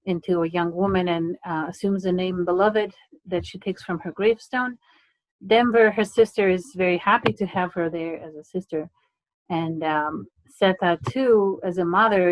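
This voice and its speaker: A middle-aged woman from Romania gives an online lecture from a slide presentation. Her voice sits fairly low and the recording is dry and close to the computer mic. She speaks in a measured, hesitant way, often pausing on fillers. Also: no echo, rough recording. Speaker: English lecturer.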